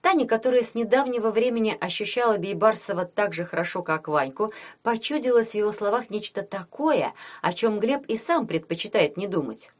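A woman's voice: mid-range voice, lively intonation, fairly quick, few pauses. Woman reading a fantasy audiobook. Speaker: audiobook narrator. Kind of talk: scripted narration.

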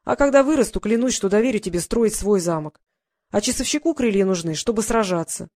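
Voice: medium pitch, lively intonation, a little fast, a little mellow, close to an everyday voice. Narrator doing proud grumpy winged boy, curt, blunt, self-assured, storybook reading.

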